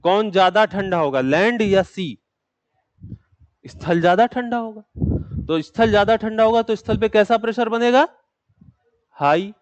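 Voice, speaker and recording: High-voiced man giving a slow geography lesson. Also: no echo. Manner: asks the class questions and answers them himself; dictates notes slowly. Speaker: geography teacher. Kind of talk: classroom lecture.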